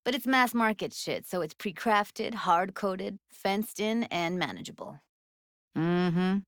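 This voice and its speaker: Speaking slowly at medium pitch, lightly acted, a video game voice actress plays a streetwise young techie in a cyberpunk game. Her naturalistic delivery is casual, slangy and wry, with a focused, explaining mood.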